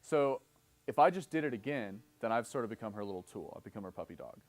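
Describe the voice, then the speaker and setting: A man's voice: on the low side, expressive, quick pace. A man in his thirties giving a live seminar lecture, explaining step by step, often checking in with "okay?" and acting out both sides of example dialogues. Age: 30s. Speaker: seminar instructor.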